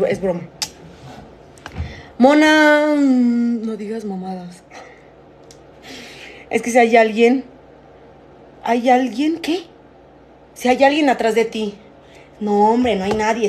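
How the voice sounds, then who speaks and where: A woman's voice: fairly high pitch, a little mellow, a little hiss or hum. A young Mexican woman chatting casually on a live stream from home, rambling and swearing freely. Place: at home, alone.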